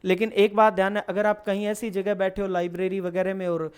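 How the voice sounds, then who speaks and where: Clear-voiced male teacher drilling syllables. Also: sits high, little pitch movement, a little fast. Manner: explains step by step, asking and then answering his own questions. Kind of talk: online lesson.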